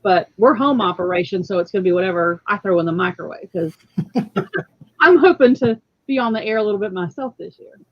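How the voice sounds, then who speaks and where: A woman's voice: mid-range voice, lively intonation, fairly quick, no room sound, muffled recording. A woman from a radio club calling in, chatting in a friendly storytelling way. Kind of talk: casual chat.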